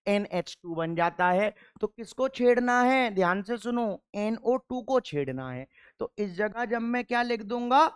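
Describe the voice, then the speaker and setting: A man's voice: high-pitched, animated, unhurried, clean tone, dry recording, studio quality. A male chemistry teacher giving a classroom lecture. He keeps asking rhetorical questions and answering them himself, and he repeats key answers patiently so the class can drill them.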